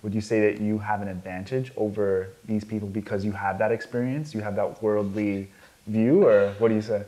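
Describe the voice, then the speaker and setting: A man's voice: on the low side, fairly even intonation, a little fast, warm tone. Enthusiastic man interviewing a guest. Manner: friendly, enthusiastic, with lots of fillers. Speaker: interviewer, host. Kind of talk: casual interview chat.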